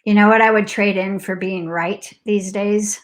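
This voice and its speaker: A middle-aged woman telling a personal story in a casual way, animated and full of likes, acting out alarms and laughing often. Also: medium pitch, moderate pace. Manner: talks in loose fragments with many likes. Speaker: host.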